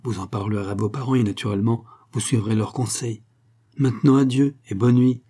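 A man voicing a calm, gentle young curate, close to his own voice. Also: medium pitch, natural voice. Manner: calm, measured.

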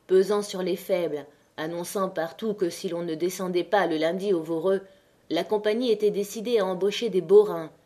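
A woman narrating a classic novel as an audiobook reader, with a measured, even delivery. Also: medium pitch.

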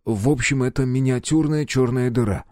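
A man's voice: mid-range voice, normal speed, darkish tone, no echo, studio quality, voice pushed up, close to an everyday voice. A man reading an audiobook and voicing a touchy male ship engineer who explains things in a raised voice. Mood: explaining.

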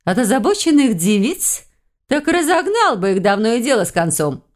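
A woman's voice: fairly low pitch, big pitch swings, moderate pace. A woman voicing a sarcastic, gossipy lizard woman healer who hisses and mocks, in an audiobook. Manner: hissing, mocking, exclaiming.

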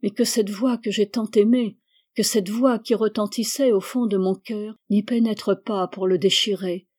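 A woman voicing a grieving, feverish young woman in love, speaking in a slow, tender, pleading way. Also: medium pitch, steady tone, a little mellow, natural voice.

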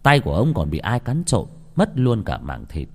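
A man narrating a scripted horror story, dramatic and expressive. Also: on the low side, normal speed, husky. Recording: long hall reverb.

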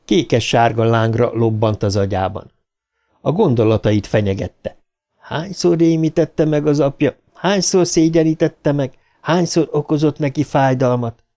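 A male audiobook narrator delivering a dark novel with dramatic tension. His voice is warm and mellow at an average pitch, rising as scenes grow tense. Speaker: audiobook reader.

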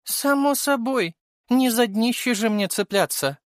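A man's voice: extremely high pitch, animated, a little slow, dry recording, studio quality, voice pushed up. A man reading an audiobook and voicing a teasing, mischievous young noblewoman who mocks playfully and theatrically.

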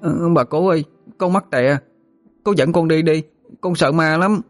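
A man's voice: on the high side, moderate pace, voice pushed up, close to an everyday voice. A frightened little boy whines, as a male narrator puts him on. Faint music sits behind. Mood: scared.

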